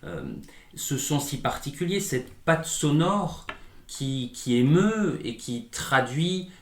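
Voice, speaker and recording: A man hosting an interview, asking measured, reflective questions. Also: a little high, lively intonation. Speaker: interviewer and host. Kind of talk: conversational interview. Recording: echoey room.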